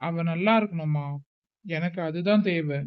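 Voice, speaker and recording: A man's voice: on the high side, a little slow, smooth, natural voice. A man playing a strict, protective older brother who scolds his sister with a raised voice. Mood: explaining, defensive. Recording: tinny phone-like recording.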